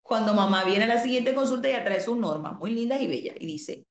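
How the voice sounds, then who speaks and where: A woman's voice: on the high side, fairly quick, reverberant. Spanish-speaking woman teaching an online class. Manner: explains calmly, reads out student comments; asks the class rhetorical questions.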